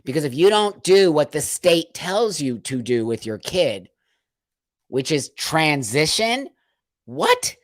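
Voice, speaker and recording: A man's voice: a little high, big pitch swings, measured pace, dry recording, clean studio sound. A man hosting a casual live stream, reading out viewer comments and answering them in an emphatic, emotional way, often repeating phrases for stress.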